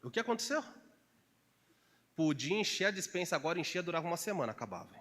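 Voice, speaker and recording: A man's voice: big pitch swings, quick pace, a bit bright, long reverb tail. A man preaching a sermon as pastor in Brazilian Portuguese, asking the congregation questions and jumping into quoted voices. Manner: acts out quoted voices with sudden pitch jumps; conversational, asks the congregation questions. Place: church hall.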